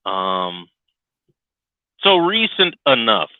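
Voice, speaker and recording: A man's voice: mid-range voice, very animated, extremely slow, no echo. A middle-aged man sounding like a CB radio through his headset, ranting sarcastically and swearing constantly in a casual podcast chat. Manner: sarcastic, swears constantly, gets loud and fired up. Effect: sounds like a tinny CB radio over his headset. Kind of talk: casual profane rant. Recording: tinny dry lo-fi headset line.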